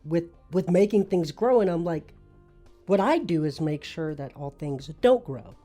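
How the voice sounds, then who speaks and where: A woman playing an awkward, laid-back horseman of famine who rambles haltingly in a comedic audio interview. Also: lowish voice, lively intonation, warm tone, faint music behind. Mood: hesitant, explaining. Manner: halting, rambling, casual filler-heavy speech.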